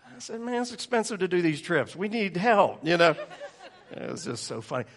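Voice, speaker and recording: A pastor, telling funny stories and laughing often. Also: male voice, high voice, very animated, normal speed. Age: 40s. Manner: joking, storytelling, laughing often. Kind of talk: sermon.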